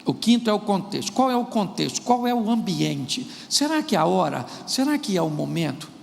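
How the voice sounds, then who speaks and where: A man's voice: sits high, sing-song, brisk, vocal fry, a little hiss or hum. A man preaching a sermon, using humor and acting out married couples' quarrels. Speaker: pastor. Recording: large hall with long reverb.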